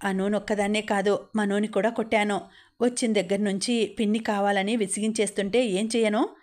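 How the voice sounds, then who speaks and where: A woman reads as a fond, teasing man in an audiobook, chatting on the phone to the woman he loves. His lines run quick and playful. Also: medium pitch, flat delivery, darkish tone, natural voice. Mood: weary. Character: man, playful affectionate husband-to-be.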